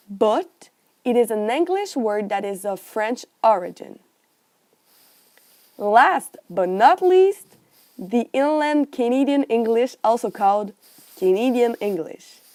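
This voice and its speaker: Student presenter: a woman with a fairly high, animated voice, reading her script carefully. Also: takes it slowly, long pauses. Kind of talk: reading a prepared class presentation.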